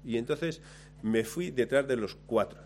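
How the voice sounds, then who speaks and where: A man spins a story about himself with a lively, self-mocking energy. His voice sits at a middling pitch, and he slips into acting out his own lines as he goes. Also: measured pace, slight background noise. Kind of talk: anecdote told to listeners.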